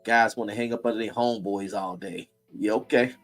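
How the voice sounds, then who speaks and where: A man's voice: fairly low pitch, fairly even intonation, brisk, faint music behind. A man hosting a casual streamed talk, blunt and preachy, in heated street slang. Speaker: host.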